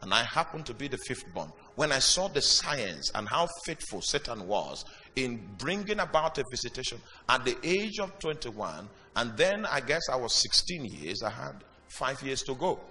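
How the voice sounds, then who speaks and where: Bright-voiced male preacher in a reverberant hall. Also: medium pitch, sing-song. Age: young adult or older. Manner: preaches with dramatic pauses and sudden loud bursts. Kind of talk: sermon. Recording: reverberant hall with music behind.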